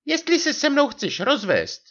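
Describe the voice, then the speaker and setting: A man reading a story and voicing an indignant, theatrical young wife in a high falsetto. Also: wildly swooping pitch, a bit bright, highs cut off, exaggerated voice. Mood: indignant scolding. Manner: shrill falsetto scolding.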